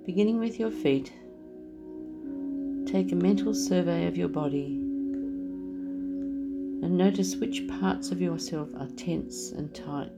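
Slow, soothing woman guiding meditation. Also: on the low side, vocal fry. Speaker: meditation guide. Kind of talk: guided meditation. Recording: soft music underneath.

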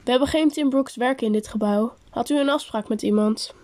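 Businesslike male security guard on an intercom, read by a woman in a fairly high voice. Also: fairly quick, darkish tone, natural voice.

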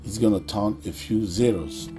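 A man's voice: on the low side, moderate pace. A man hosting a cryptocurrency video, talking casually in an emphatic, insistent, hyped crypto-bro manner over plucked guitar music. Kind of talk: casual commentary on a ranked list.

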